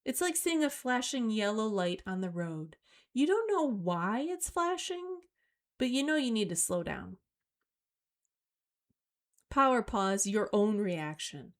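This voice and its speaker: A middle-aged woman hosting a solo talk on emotional skills, coaching listeners in a slow, deliberate way. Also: mid-range voice, sing-song. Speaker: host.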